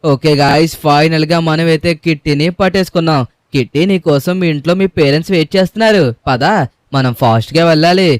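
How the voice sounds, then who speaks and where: Excitable young man narrating a game. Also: fairly high pitch, brisk, clear, resonant tone, dry recording. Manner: excitable, dramatic shouting and groaning. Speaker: gaming channel host. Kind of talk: game voiceover commentary in character.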